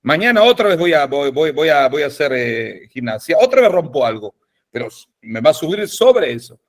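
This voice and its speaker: Animated, expressive man teaching class. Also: on the high side, moderate pace. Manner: animated, asks "ok?" to check understanding. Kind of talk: informal lecture with humor. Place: home or office in Jerusalem. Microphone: video call.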